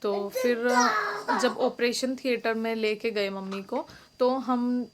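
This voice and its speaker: A woman's voice: on the high side, slow pace, background noise. A young woman talking casually in a home vlog, explaining at length with many fillers and restarts. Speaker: vlogger.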